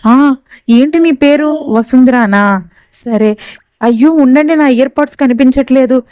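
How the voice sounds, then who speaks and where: A woman's voice: sits high, normal speed, dark tone, no room sound, close to an everyday voice. A woman voicing a spiteful, bossy young roommate who speaks haughtily and schemes against a newcomer. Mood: haughty.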